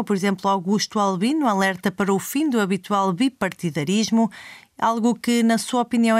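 A woman's voice: mid-range voice, no echo. A woman presenting on radio in a scripted style, reading out listener comments.

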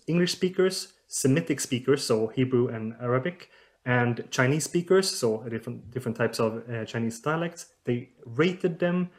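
A man, a researcher being interviewed on a podcast, explaining his study with many fillers and restarts. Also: medium pitch. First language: Swedish. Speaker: researcher guest.

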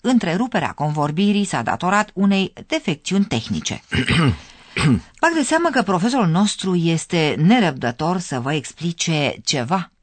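Narrator with lively intonation. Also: mid-range voice, no echo. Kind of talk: scripted narration for a radio course.

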